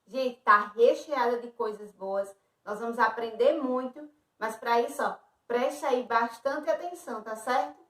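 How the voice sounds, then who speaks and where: A Brazilian woman gives a lesson to small children, speaking in a slow, sing-song, encouraging way. Her voice sits high. The sound is roomy and a little distant from the mic. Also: a bit bright. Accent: Brazilian Portuguese. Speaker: teacher. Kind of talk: online lesson for young children. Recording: roomy echo, a bit off-mic.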